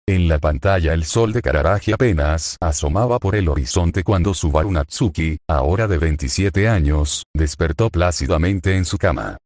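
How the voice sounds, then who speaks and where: A synthetic male voice narrating a fan-fiction story in an even reading, speaker tags and notes read aloud. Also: deep voice, no echo, studio quality.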